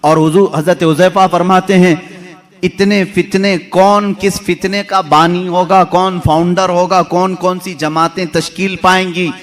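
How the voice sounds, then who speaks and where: A man preaching a sermon, swinging between loud drawn-out recited verses and low, quiet storytelling. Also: level tone. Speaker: Islamic preacher.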